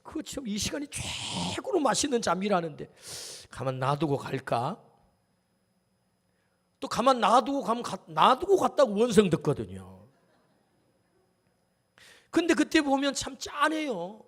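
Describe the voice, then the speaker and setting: A man's voice: high voice, huge pitch swings, a little slow, long pauses, a bit bright, slightly rough. A male pastor preaching a sermon in a church, talking animatedly and putting questions straight to the congregation. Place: church sanctuary. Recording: long reverb of a church hall.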